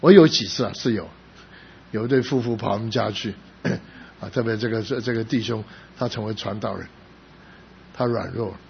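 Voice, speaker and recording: A middle-aged man preaching a sermon as a pastor, telling a personal story with rising emphasis and sudden soft drops. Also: lowish voice, moderate pace, creaky, long pauses. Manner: emotional storytelling, rising to loud emphasis then dropping soft. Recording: slightly dull recording with faint background noise.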